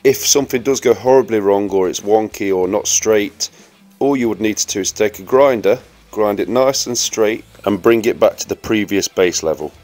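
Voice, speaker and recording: A man giving a steady, instructive voice-over for a welding tutorial and talking straight to viewers. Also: lowish voice, normal speed, soft background music.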